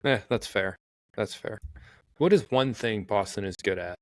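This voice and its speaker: Male co-host, deadpan teasing asides, casual sports banter, close dry mic. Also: fairly low pitch, normal speed, dry recording. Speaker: podcast co-host.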